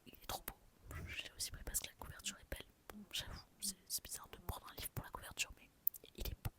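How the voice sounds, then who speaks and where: A young female vlogger talks fast in a gentle whisper, showing off her book and souvenir haul into her phone with gushy enthusiasm and plenty of fillers.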